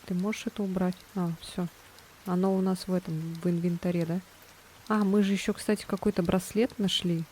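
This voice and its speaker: A woman doing casual let's-play commentary as a game streamer, chatty and quick to exclaim and giggle in reaction. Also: on the low side, steady tone, a little mellow, slight background noise, poor audio.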